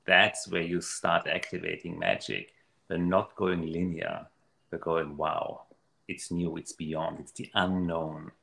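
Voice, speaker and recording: A man giving an earnest, animated motivational talk in a casual conversation. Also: sits low, slow pace, vocal fry, reverberant. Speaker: guest speaker on money mindset.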